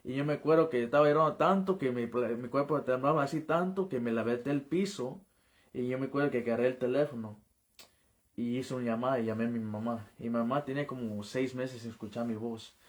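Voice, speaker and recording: An earnest man telling his life testimony as an evangelist, his voice sitting at an ordinary middle pitch. He speaks haltingly and often stumbles back over his own words before pushing on. The delivery is plain and heartfelt, like someone recounting it in a conversation. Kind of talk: personal testimony in an interview.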